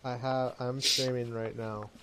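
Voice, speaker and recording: Young male streamer, bright, forward tone; joking, mock-indignant banter. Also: mid-range voice, level tone, unhurried. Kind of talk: casual gaming voice chat.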